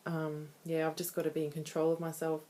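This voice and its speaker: A woman's voice: sits low, completely flat delivery, brisk, warm tone. A woman in her thirties talking candidly and conversationally in a casual personal video diary. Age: 30s. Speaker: vlogger.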